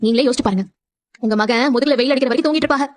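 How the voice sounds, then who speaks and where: A woman's voice: high voice, racing, slight background noise, natural voice. A young woman playing a daughter-in-law in a TV family drama, talking in a chatty, cheeky way. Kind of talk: TV serial acting.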